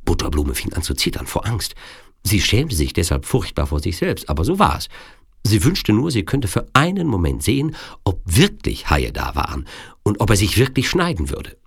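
A man narrating an adventure audiobook in an expressive storytelling manner. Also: sits low, moderate pace, creaky, slightly rough, no room sound, clean studio sound.

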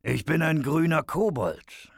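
A man's voice: on the high side, very animated, a little slow, creaky, breathy edge, no room sound, clean studio sound, voice pushed up, heavily acted. A man doing a brash, cursing half-drunk leprechaun. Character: rough, foul-mouthed bearded male leprechaun, half drunk. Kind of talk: audiobook character voice.

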